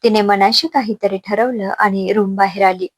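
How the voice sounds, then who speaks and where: A woman narrating a dramatic family story in an expressive reading. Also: mid-range voice, normal speed, no room sound.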